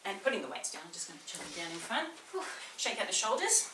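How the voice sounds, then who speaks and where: A woman with a mid-range voice and a slight New Zealand accent talks fast and with lots of animation. She's a personal trainer chattily coaching a beginner through a workout in a small indoor room, encouraging and talking a lot. The distant mic picks up a roomy echo, faint ambience and background noise.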